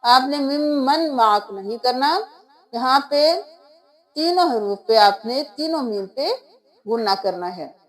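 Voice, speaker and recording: A woman's voice: fairly high pitch, low-quality recording. A woman teaching Quran recitation step by step, spelling out letters and sounds one by one. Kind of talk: step-by-step tajweed lesson.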